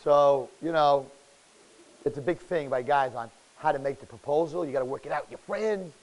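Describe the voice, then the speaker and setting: A man from New York, a rabbi giving an animated sermon, telling stories and swinging between loud outbursts and hushed asides. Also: on the high side, normal speed, poor audio. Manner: expressive, acts out characters' words.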